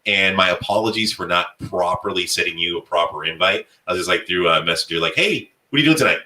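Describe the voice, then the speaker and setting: A man's voice: low voice, quick pace, bright, forceful tone. A man hosting a casual talk show, joking and rambling, often laughing with his guests. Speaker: podcast host. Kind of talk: casual chat. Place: South Florida studio.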